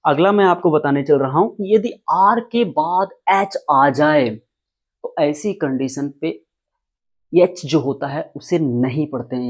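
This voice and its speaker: A man teaching English pronunciation, explaining rules emphatically and repeating key words. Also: on the high side. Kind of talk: classroom-style explanation.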